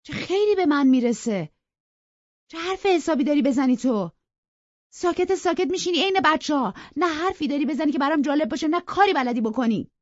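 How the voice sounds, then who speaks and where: A proud, petulant young woman, as a woman narrator puts her on scolds in a high, exasperated voice. It comes through a little dull and lo-fi, a dry close storybook audiobook recording. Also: animated, warm tone, dry recording, natural voice.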